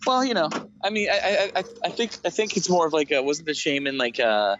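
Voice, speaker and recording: Teasing man with a higher voice, lo-fi mic. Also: very animated, fast talker, fairly bright tone, slight background noise. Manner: joking, teasing, laughs easily. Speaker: podcast co-host. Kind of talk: casual podcast chat. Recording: dull lo-fi mic.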